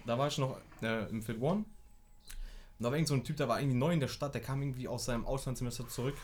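A young man rattles through a casual story at a quick clip, using street slang. His voice sits at an ordinary mid pitch. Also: steady tone, darkish tone. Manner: fast, slangy street talk. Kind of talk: casual chat.

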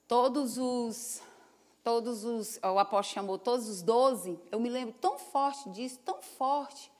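A woman pastor delivers a sermon to a congregation with a slightly high voice. She preaches in a folksy, chatty style and wanders into homely stories and asides. She keeps calling out to the crowd for an answering amen. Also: animated, a little slow, darkish tone. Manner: call-and-response, asking the congregation "Amém?". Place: church service before a congregation.

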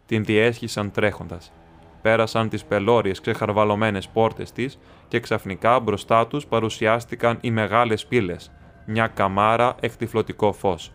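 A man narrating an audiobook in a measured, steady storytelling manner. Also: lowish voice. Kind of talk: scripted narration.

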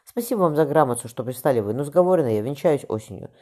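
A man's voice: mid-range voice, expressive, fast, mellow, natural voice. A man voicing a shy, kind young maiden who speaks timidly and plaintively.

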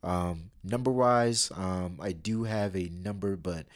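A man's voice: low voice, slow. A man from Sierra Leone, a podcast guest talking casually, laughing easily and filling with "you know". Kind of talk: casual interview chat.

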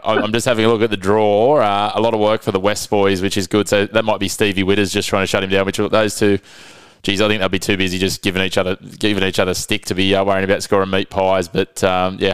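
A man's voice: deep voice, level tone, quick pace, clean tone, no echo. An Australian man co-hosting a casual sports chat, talking in a matey, wordy way. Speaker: rugby league podcast co-host.

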